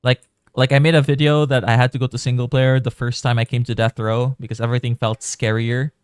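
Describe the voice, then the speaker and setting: A man's voice: medium pitch, little pitch movement, fairly quick, clean tone, no room sound, studio quality. A man from the Philippines giving casual, rambling commentary while live-streaming a game. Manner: chatty, rambling, thinking aloud.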